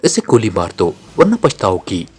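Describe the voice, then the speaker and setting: A man voicing a nervous, jumpy male henchman in an audiobook, shouting in panic. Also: deep voice, wildly swooping pitch, moderate pace, slightly rough, pitched below the performer's own voice, heavily acted. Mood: panicked.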